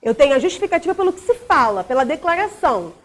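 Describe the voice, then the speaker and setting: A woman's voice: high voice, very animated, fast. A woman teacher with a Brazilian Portuguese accent, explaining a recorded grammar lesson and checking in often with short tag questions.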